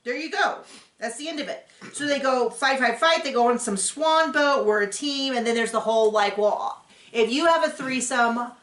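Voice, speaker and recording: A woman's voice: high voice, normal speed, a bit bright. A woman hosting a show recap in casual, rambling chat, often acting out what others said. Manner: rambling and chatty, acting out quotes. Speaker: podcast host recapping a reality show. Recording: roomy echo.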